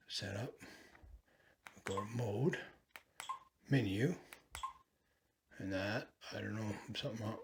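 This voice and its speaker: This is a rough-voiced man of medium pitch with a sharp tone, rambling through a casual gadget review full of fillers as he fiddles with the equipment. The product reviewer sits indoors in a small bedroom, captured by the camcorder's onboard shotgun mic from a few to eight feet off.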